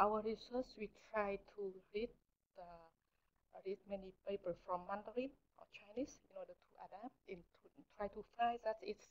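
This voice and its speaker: Hesitant Vietnamese-accented woman researcher. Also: medium pitch. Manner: hesitant, halting, often restarting to search for words. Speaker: visiting researcher presenting. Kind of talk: answering audience questions after a talk. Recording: muffled lecture recording.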